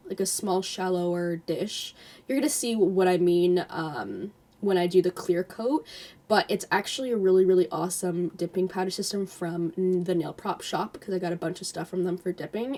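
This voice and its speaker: A young woman giving a casual, chatty voice-over nail tutorial, with lots of fillers and a slightly hoarse voice. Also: mid-range voice, a little mellow. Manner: chatty, filler-heavy, self-deprecating.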